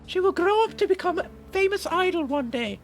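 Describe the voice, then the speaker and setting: A woman's voice: expressive, fairly quick. A woman voicing a teasing, cryptic old fortune teller lady in a mocking granny voice for a game. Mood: knowing, evasive. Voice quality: high-pitched old lady voice. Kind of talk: playful improvised game voice-over in character. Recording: music behind the voice.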